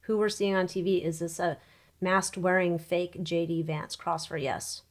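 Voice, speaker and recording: Slow-paced woman doing a psychic tarot reading. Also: on the low side, steady tone. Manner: halting, muttering questions and short verdicts to herself. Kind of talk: informal psychic tarot reading, thinking aloud.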